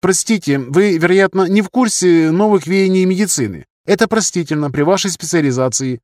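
A man's voice: high-pitched, a little fast, darkish tone, no echo, clean studio sound, pitched above the performer's own voice, natural voice. A man voicing an eager, doctrinaire young male surgeon who talks earnestly and insistently.

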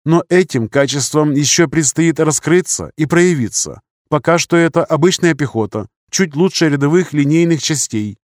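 A man's voice: on the high side, animated, normal speed, few pauses, dry recording, studio quality, voice pushed up, natural voice. A man voicing a young male English officer who speaks formally and pedantically, like a lecturer. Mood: measured.

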